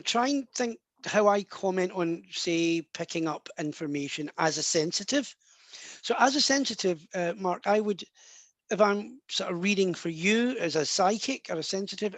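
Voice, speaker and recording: A high-voiced man, a psychic medium, rambles chattily through a live online session, often starting sentences over. The sound is dry.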